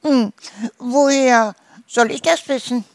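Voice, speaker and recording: A storyteller voicing an old, weepy mother goose in a children's story, with a high, whiny squawk. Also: slow, gravelly, dry recording, clean studio sound, exaggerated voice. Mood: huffy. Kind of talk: storybook reading.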